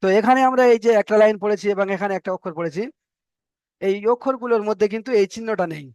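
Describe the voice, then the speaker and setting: A man with a Bengali accent and a fairly high voice, teaching Arabic letters in a patient, step-by-step way. He repeats each letter name and stretches the vowels to show the right length. The sound is close and dry, with no room around it. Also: racing, a little mellow, smooth, dry recording. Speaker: Quran reading teacher. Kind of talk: explanatory online lesson.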